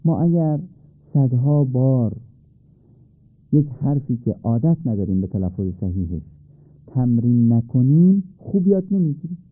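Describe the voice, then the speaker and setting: A man's voice: mid-range voice, animated, pauses often, no room sound. A man teaching Quran recitation on a radio lesson, polite and patient, asking his listeners questions and answering them himself. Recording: tinny phone-like radio recording.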